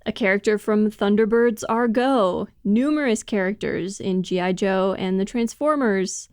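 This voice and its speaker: A woman's voice: medium pitch, darkish tone, clean tone, no echo, studio quality. A woman co-hosting a casual podcast discussion, explaining things in detail and laughing often as she talks. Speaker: podcast co-host.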